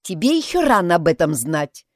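A woman's voice: on the low side, big pitch swings, normal speed, dry recording, clean studio sound. A woman voicing an emphatic, self-assured young housemaid who loves gossip, in an audiobook. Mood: knowing.

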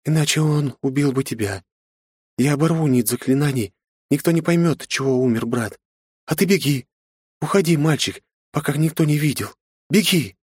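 A man reading an audiobook, voicing a protective woman who comforts and urges in a raised, hurried voice. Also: on the high side, darkish tone, husky, no echo, clean studio sound, pitched above the performer's own voice. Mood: urgent. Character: kind older woman, urgent and protective.

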